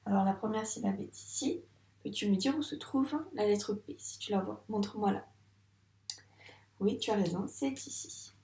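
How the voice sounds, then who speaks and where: Sounding out syllables carefully, a French-accented primary school teacher patiently teaches little ones to read. Her mid-range voice is dark-toned and moves at a moderate pace, and the room echoes in this slow, clear teaching video.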